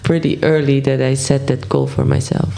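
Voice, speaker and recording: Relaxed gravelly woman in her thirties. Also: very deep voice, normal speed. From Belgium. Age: 30s. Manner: relaxed, many fillers, laughs often. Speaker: horse trainer, guest. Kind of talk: casual interview.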